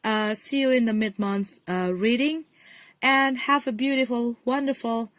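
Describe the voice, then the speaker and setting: A woman's voice: on the high side, fairly even intonation, measured pace, fairly bright tone, no echo. A woman giving a casual tarot reading to her viewers, encouraging, repeating phrases and often saying "you know". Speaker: tarot card reader.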